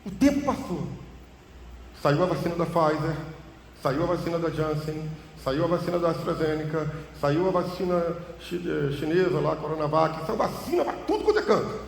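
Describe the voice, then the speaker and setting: Emphatic pastor in echoing church. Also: male voice, animated, normal speed, vocal fry. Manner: emphatic, swings pitch and volume widely for effect. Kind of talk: sermon with personal testimony. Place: church hall. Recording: echoey reverberant church hall, faint hum.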